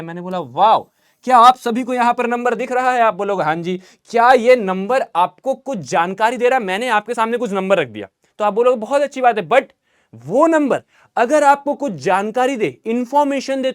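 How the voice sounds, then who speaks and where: A young man with an Indian accent teaching an online maths revision lesson, chatty and energetic, asking questions and answering them himself. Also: high voice, clean tone.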